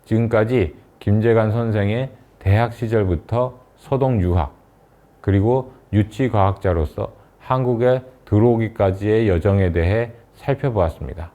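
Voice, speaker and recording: A man with a lowish voice delivers a prepared lecture in a steady, formal way. The sound is narrow and tinny, like it is coming through a phone line. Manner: measured, formal narration. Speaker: university lecturer. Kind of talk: scripted lecture.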